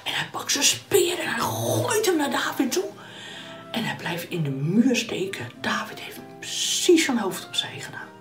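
A woman tells a Bible story to children, talking to them directly and acting out the action. Her voice swings widely and animatedly, with soft music faintly behind. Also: on the high side, wildly swooping pitch, normal speed.

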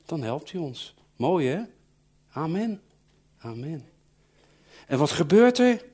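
A man telling a Bible story to children in an animated way, asking them questions and acting out the voices of the characters. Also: a little high, normal speed. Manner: animated, acts out characters' voices and calls, asks the listeners questions.

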